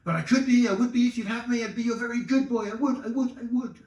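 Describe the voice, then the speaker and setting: A man's voice: very high-pitched, fast talker, darkish tone, voice pushed up. A man voicing an overeager, friendly male dog who gushes and pleads for love in a poem reading. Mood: adoring. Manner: gushing, breathless, pleading. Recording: echoey room from a distance.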